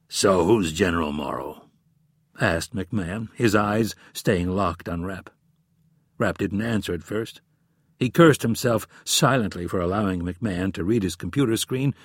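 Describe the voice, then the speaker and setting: A man reading a thriller novel aloud in a measured, even narration. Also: mid-range voice, dry recording, clean studio sound. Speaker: audiobook narrator.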